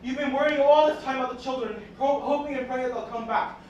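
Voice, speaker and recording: A woman's voice: high-pitched, quick pace, darkish tone, muffled recording, lightly acted. A student actress playing a proud, stubborn old man in a school stage play. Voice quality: defiant, blustering. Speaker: student actor. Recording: echoey hall, faint noise.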